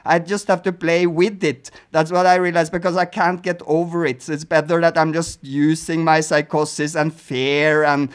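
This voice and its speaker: A man's voice: on the high side, little pitch movement, normal speed, few pauses, clean tone. A man with a Scandinavian accent hosting a casual podcast, speaking hesitantly and self-deprecatingly with many restarts. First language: Scandinavian language. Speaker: podcast host.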